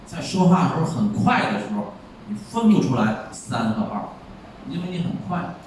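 A man teaching a Chinese class, explaining tones by slowly acting out example words. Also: a little high, sing-song. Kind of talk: classroom lecture. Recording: echoey room, far mic, faint noise.

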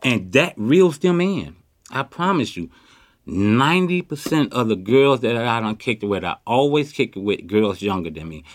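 Interviewed out on a city street with a handheld mic, this fifty-something from Chicago, USA, boasts freely in street slang during a candid chat. He has a medium-pitched voice with lively intonation and a moderate pace, recorded cleanly with no room sound.

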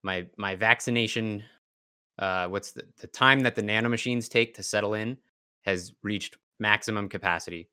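Slightly hoarse, low-voiced man hosting a podcast. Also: normal speed, pushed and bright. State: tired. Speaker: podcast host. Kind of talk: casual podcast chat.

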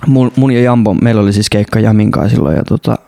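Gravelly-voiced young man, swearing casually. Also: fairly low pitch, dark tone, dry recording, studio quality. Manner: rambling, swears a lot, self-deprecating. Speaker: podcast host. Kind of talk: casual solo podcast monologue. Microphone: studio mic close up.

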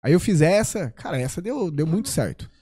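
A man in casual chat, excitedly retelling a prank he pulled, quoting the dialogue. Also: fairly high pitch, fairly quick, slightly rough, dry recording, studio quality. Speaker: guest telling a prank story.

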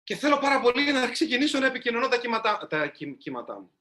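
Bright, high-voiced man telling a story. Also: faint music behind. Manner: animated, addresses the audience directly. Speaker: writer giving a talk. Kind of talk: storytelling talk to a live audience. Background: live audience.

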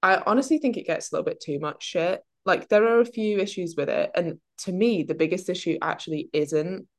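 A British woman hosting a casual fitness Q&A podcast, talking in a chatty, animated way and often interrupting herself. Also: on the low side, a little fast, no room sound, studio quality. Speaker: podcast host. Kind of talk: casual Q&A chat.

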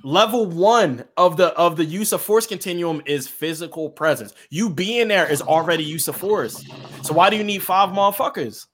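Man, somewhat high voice, emphatic explainer, stumbles into his sentences. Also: moderate pace, fairly bright tone. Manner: emphatic, explanatory, stammers when starting. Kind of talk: casual chat.

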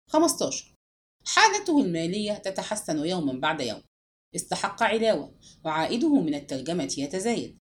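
A woman reading a novel aloud as narrator, giving the characters' dialogue expressive voices. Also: medium pitch. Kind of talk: scripted audiobook narration.

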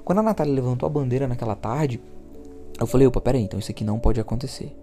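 Man, Brazilian accent, warm mellow tone, animated storytelling, faint music behind. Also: mid-range voice, very fast. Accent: Brazilian Portuguese. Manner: animated, repeats words for emphasis. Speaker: podcast host. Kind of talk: personal storytelling.

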